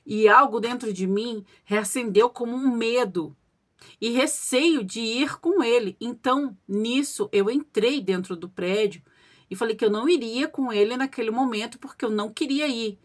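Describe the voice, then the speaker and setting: A woman's voice: fairly high pitch, normal speed. A woman narrating a supernatural account in the first person, chatting directly to her listeners. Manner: conversational, addresses listeners directly. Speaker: storyteller reading listener accounts.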